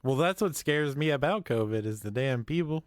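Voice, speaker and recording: A man co-hosting a casual live-stream chat, easygoing and quick to laugh, with short replies. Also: mid-range voice, lively intonation, smooth, no room sound, studio quality.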